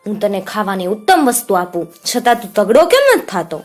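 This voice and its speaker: A woman voicing a cruel, greedy, half-blind old witch woman who barks orders and scolds in a shrill voice. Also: sing-song, a little fast, soft background music, natural voice. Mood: bossy.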